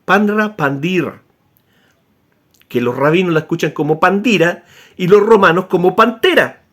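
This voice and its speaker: High-voiced man lecturing. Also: a little fast. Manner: animated, with many tag questions and restarts. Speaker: author explaining history. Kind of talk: informal spoken lecture.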